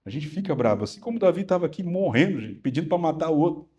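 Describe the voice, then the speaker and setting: Middle-aged Brazilian male pastor, animated storyteller, relaxed warm tone. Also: on the high side, rapid-fire, lo-fi sound. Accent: Brazilian Portuguese. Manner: animated storytelling, swinging loud and soft. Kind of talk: sermon with personal story.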